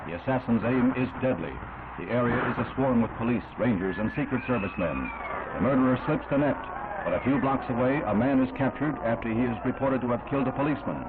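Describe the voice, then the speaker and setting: Over a noisy background and music, an American man with a mid-range voice declaims scripted 1960s newsreel narration in a solemn, dramatic style. The sound is tinny and band-limited, typical of old newsreels.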